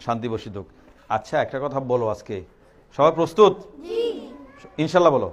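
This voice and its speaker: A man's voice: medium pitch, lively intonation, fast talker, muffled recording. A man teaching a religious lesson to young children in a primary school classroom, quizzing and coaxing them and repeating each question in call-and-response. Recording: classroom with a noisy crowd of children. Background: children answering in chorus.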